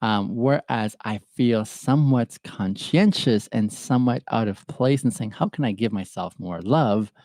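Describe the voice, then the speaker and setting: A man from Ethiopia hosting a solo podcast, talking through a question in a thoughtful, halting way with pauses and fillers. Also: medium pitch, a little mellow, no echo. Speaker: podcast host answering viewer questions. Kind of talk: reflective solo livestream talk.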